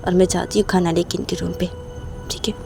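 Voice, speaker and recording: A woman's voice: flat delivery, brisk, creaky, music in the background. A woman voicing a tearful young wife in a storybook romance, pleading in a raised voice. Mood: gentle. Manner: pleading, high-pitched apologies.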